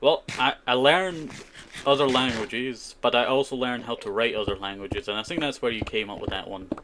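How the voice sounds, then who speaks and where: A mid-range male voice at normal speed carries this casual live-stream of a survival game, with the host rambling through replies to chat and saying "you know" and "I tell you" often. Background noise and keyboard typing can be heard.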